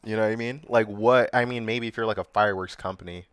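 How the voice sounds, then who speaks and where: A man's voice: fairly low pitch, steady tone, fast, fairly bright tone, smooth, no echo, studio quality. A young man commentating casually on a livestream while reacting to news clips, loose, slangy and sarcastic, laughing at his own jokes.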